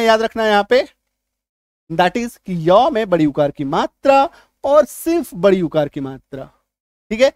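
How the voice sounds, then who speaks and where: A man's voice: high voice, a little mellow, dry recording, studio quality. Man teaching English spelling. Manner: repeats key words, asks the viewer quick questions. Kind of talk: spelling and pronunciation lesson.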